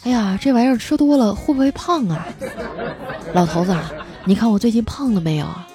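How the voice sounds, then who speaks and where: A woman voicing a middle-aged mother who teases, frets about her weight and snaps in anger, with a sing-song, shrill way of talking. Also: fairly quick, over music, a crowd in the background, natural voice. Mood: fretful. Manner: sing-song teasing, shrill when angry. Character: middle-aged mother, teasing, vain, quick-tempered.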